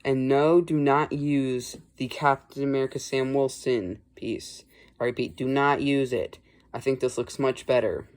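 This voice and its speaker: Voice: mid-range voice, fairly even intonation, a little slow, darkish tone. A host talking through a casual building tutorial in a chatty, rambling way, full of "like" and "um" and restarting sentences mid-thought. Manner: chatty, rambling explanations with fillers and self-corrections. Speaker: toy building channel host.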